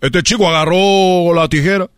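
A man telling a comic story and acting out characters with sudden high shouts. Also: normal speed, smooth, dry recording.

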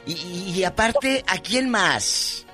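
A Mexican man with a forceful, rather high voice co-hosts casual radio chat. His delivery swings widely in pitch and stays playful and colloquial. Soft music plays underneath. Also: lively intonation, takes it slowly. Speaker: radio co-host. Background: faint music.

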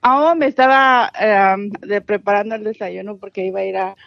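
A woman's voice: medium pitch, steady tone, normal speed, creaky, no echo. Woman caller, from Mexico, short hesitant replies, dull lo-fi phone audio, dry.

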